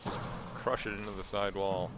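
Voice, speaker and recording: A man with a lowish voice gives opinionated, joking analysis of each rally. Steady noise from the live broadcast sits behind him. He speaks as a color commentator. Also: normal speed. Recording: noisy live event broadcast.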